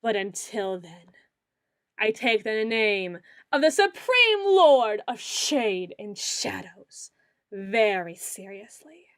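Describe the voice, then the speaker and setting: A woman playing a pompous, socially awkward self-styled lord of shadows in an ASMR roleplay, speaking in grandiose, archaic phrases with dramatic pauses. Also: medium pitch, big pitch swings, dry recording. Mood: solemn, proud.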